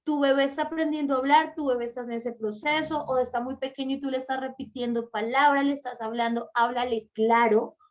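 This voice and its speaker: Woman, high voice, patient emphatic teacher speaking straight to parents. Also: fairly even intonation. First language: Spanish. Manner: explains slowly, stresses words, addresses mothers directly. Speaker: early-childhood language teacher. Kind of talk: online masterclass lecture.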